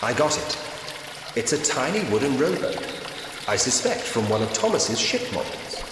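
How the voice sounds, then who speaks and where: This actor voices a curious, polite investigator of a haunted Victorian house, the protagonist of a point-and-click ghost-story game, narrating what he does through short, wry, scripted musings. He sounds pensive and observant, natural and mid-pitched, moving at normal speed with big pitch swings. Music plays behind a long, echoing reverb in a noisy background.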